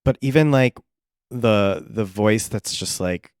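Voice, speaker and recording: A man with a low, smooth voice chats casually as a podcast co-host. He is sassy and campy, gushing in queer slang, and the sound is close and dry. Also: slow pace, darkish tone, dry recording. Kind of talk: casual pop culture chat.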